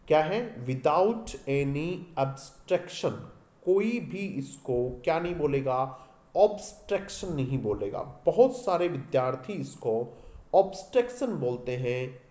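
A man's voice: fairly high pitch, darkish tone, echoey room. A male teacher with an Indian English accent giving an exam-prep lecture, repeating each point and quizzing his students as he goes.

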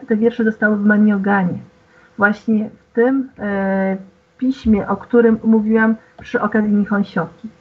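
Husky woman lecturing over thin call audio. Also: mid-range voice. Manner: hesitant, many fillers; explains to the audience formally. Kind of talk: online lecture. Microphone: video call. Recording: tinny phone-like online call audio.

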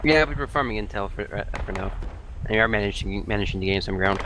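Dude on game voice chat, lowish voice, talks fast, gunfire going. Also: male voice, background noise. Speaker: squad member in online game. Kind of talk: casual tactical game chat.

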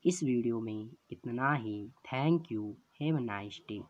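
Man teaching letters super slow, spells each sound out, dull lo-fi audio. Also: mid-range voice, slight background noise. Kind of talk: slow classroom explanation.

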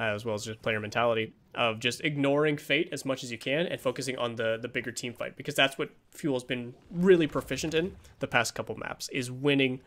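On his home streaming mic, the young esports coach goes over a match casually, reasoning aloud and leaning on fillers. His medium-pitched voice is a bit bright but worn from long hours of streaming.

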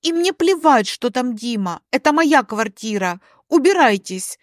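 A woman voicing a furious young wife who snaps sharp commands in a spoken story. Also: on the high side, sing-song, extremely slow, dry recording, studio quality, heavily acted.

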